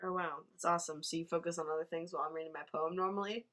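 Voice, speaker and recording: A teenage girl co-hosting a casual podcast chat, loud, blunt and teasing. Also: fairly low pitch, fairly even intonation, racing. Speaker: podcast co-host.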